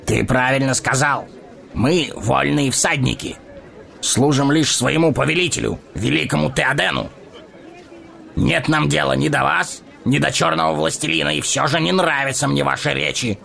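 An actor playing a proud, commanding horse-lord guard captain in an audio drama. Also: male voice, mid-range voice, normal speed, vocal fry, sharp tone. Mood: stern.

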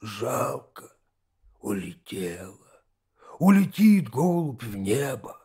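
A mumbling holy-fool wanderer, as a male reader puts him on drags out broken, slow phrases in a husky, distant-sounding voice. His lines come out soft and lilting in pitch, heavy with gloom. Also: big pitch swings, full character voice. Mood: mournful muttering. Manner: slow, muttering, disjointed.

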